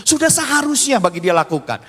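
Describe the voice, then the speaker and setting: A man in his fifties preaching a sermon as a pastor, telling stories with animated swings between loud and hushed. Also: very high-pitched, fast, slightly rough. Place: church. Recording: long reverb of a church hall.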